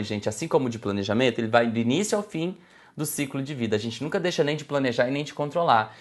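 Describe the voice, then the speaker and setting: An exam-prep instructor teaching an online slide lecture, speaking didactically, addressing the class as "gente", checking in with "tá?" and shifting intonation to illustrate points. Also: medium pitch.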